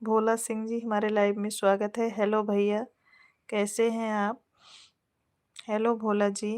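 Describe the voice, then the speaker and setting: A woman with an Awadhi lilt hosts a live stream and chats with her viewers. She talks slowly in a level, even tone. She greets and thanks people by name, in an affectionate, chatty way. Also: medium pitch. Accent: Awadhi Hindi. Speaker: folk singer hosting a live stream. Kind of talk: casual live chat with viewers.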